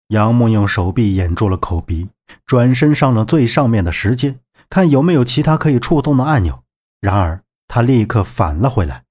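A man narrating an adventure audiobook with dramatic, expressive storytelling. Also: mid-range voice, slightly rough. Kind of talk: scripted narration.

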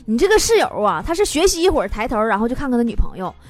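A woman hosting a comic talk show, reading out listener messages and answering them with teasing, sharp-tongued jokes. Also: fairly high pitch, sing-song, very fast. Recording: studio voice over music.

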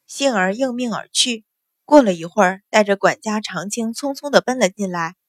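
A woman reads a novel aloud in a steady, even storytelling voice. Her pitch sits in the middle range for a woman. The recording is dry and close, with no room echo. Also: moderate pace. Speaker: audiobook narrator. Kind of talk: scripted narration of a novel.

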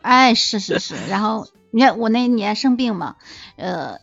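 A woman's voice: fairly high pitch, measured pace, creaky, no room sound, lo-fi sound, soft background music. A woman guest on a podcast, chatting casually and telling playful, joking stories, acting out the lines of the people in them. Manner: lively, acts out quoted dialogue; playful, wisecracking. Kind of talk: casual storytelling chat.

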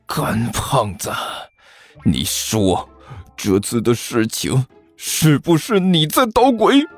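A man voicing a vengeful, menacing rich schoolboy who speaks in slow, low threats. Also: huge pitch swings, a little mellow, breathy edge, soft background music, heavily acted.

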